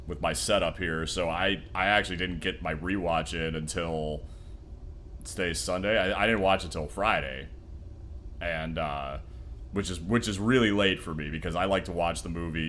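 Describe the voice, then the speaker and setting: A man's voice: deep voice, a bit bright, a little hiss or hum. A man co-hosting a podcast, chatting casually about a film in a rambling, profane way and laughing easily. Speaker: podcast co-host.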